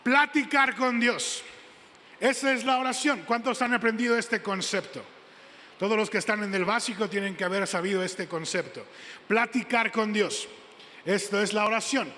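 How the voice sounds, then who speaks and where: A man preaching a sermon as pastor, emphatic and repeating key phrases slowly, on a handheld mic in a church hall. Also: sits high, pushed and bright. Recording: long hall reverb.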